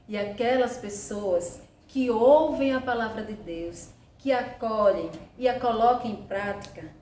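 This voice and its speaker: Slow woman, kindergarten teacher storytelling. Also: fairly high pitch, darkish tone. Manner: kindergarten teacher voice, simple deliberate phrasing for small children. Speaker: children's storyteller. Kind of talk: children's Bible story narration with sung refrains. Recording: roomy echo, distant mic, faint noise.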